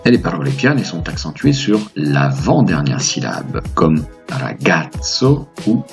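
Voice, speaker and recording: Low gravelly man teaching grammar. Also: very animated, normal speed, a little mellow, soft background music. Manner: upbeat, patient teaching, playful asides. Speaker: language teacher, host. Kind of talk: explaining grammar to viewers.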